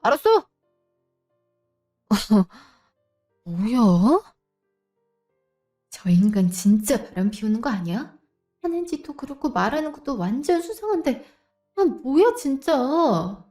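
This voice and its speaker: A woman's voice: a little high, expressive, unhurried, pauses often, mellow, no room sound, studio quality, faint music behind. A woman narrating an audio drama story as a wife, probing and teasing in a suspicious way.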